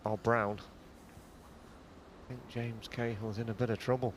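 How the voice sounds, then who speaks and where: A man giving hushed live snooker commentary in an understated, conversational and analytical way. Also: medium pitch, flat delivery, slow, a little hiss or hum.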